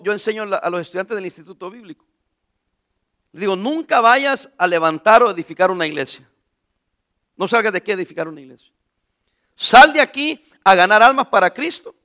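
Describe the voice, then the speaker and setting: A man's voice: high-pitched, lively intonation, fairly quick, pauses often, pushed and bright. A man preaching a sermon as pastor, who asks his listeners questions, answers them himself and repeats key phrases for emphasis.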